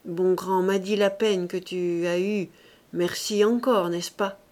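A woman voicing a weary, defeated male painter who speaks slowly in a subdued, thick-tongued way. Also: fairly low pitch, steady tone, a little mellow.

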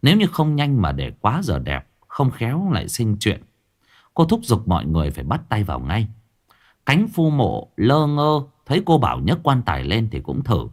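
A man narrating a ghost story in a dramatic, vividly expressive style. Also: lowish voice, moderate pace.

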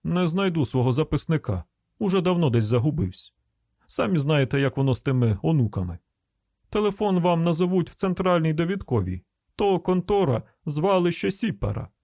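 Brief: narrator playing a gruff older Arkansas man, loud folksy grumble, dry close sound. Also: fairly high pitch, very animated, brisk, dry recording, voice pushed up. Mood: grumbling.

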